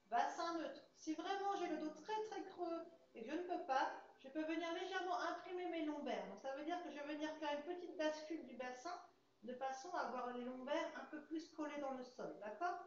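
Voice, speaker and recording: High-voiced French Pilates coach, very echoey. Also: female voice, fairly quick. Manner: calm, coaching cues with breath counts. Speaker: Pilates instructor. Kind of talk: guiding an exercise class. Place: fitness studio. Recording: very echoey studio, slightly dull sound.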